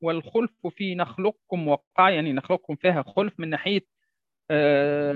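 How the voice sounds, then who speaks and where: A male Quran recitation teacher giving a tajweed lesson on a poem, slowly drawing out and repeating example words. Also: a little high, dry recording. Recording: dry, dull lo-fi sound.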